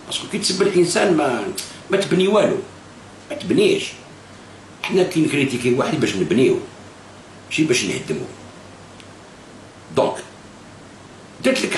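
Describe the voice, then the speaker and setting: A man with an Algerian Arabic accent, delivering political commentary straight to camera, slipping into French and repeating phrases for emphasis. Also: deep voice. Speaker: political video blogger. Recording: echoey room with faint hiss.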